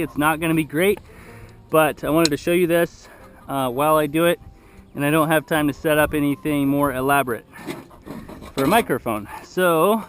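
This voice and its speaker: A man casually walking through a do-it-yourself repair outdoors, thinking aloud with pauses, heard through low-quality stream audio. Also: a bit bright. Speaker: DIY demonstrator. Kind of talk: casual how-to walkthrough. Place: outdoors on a property.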